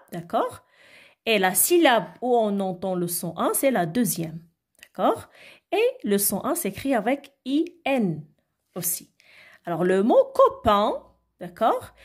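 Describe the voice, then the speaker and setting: A woman teaching a phonics lesson to young schoolchildren, patiently spelling out letters and checking in with them often. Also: mid-range voice. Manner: slow, patient, repeats "d'accord?" and sounds letters out. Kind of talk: recorded phonics lesson for children.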